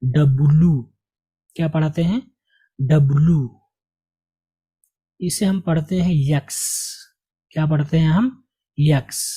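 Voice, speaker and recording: Man, English teacher, slow drilling delivery, dark mellow voice, Urdu-tinged Hindi. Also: on the high side, fairly even intonation, husky, lo-fi sound. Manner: slow, drills each letter and repeats it with questions; Urdu-flavoured Hindi speech. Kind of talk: spoken English lesson.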